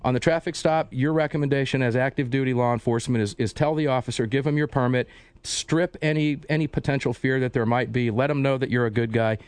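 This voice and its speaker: A man hosting a radio talk show, interviewing a guest in a conversational, animated way with frequent restarts. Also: mid-range voice, fast talker, clean tone, no echo. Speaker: host.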